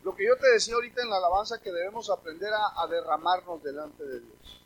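A man's voice: high voice, fast talker, husky, poor audio. A man preaching a sermon, reading scripture aloud and breaking off to address the congregation with emphatic questions.

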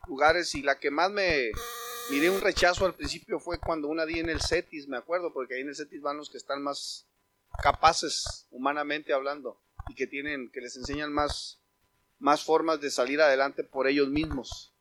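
Impassioned high-voiced preacher. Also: male voice, steady tone, moderate pace, no echo. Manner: impassioned, shouts quoted lines and scripture. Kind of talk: sermon.

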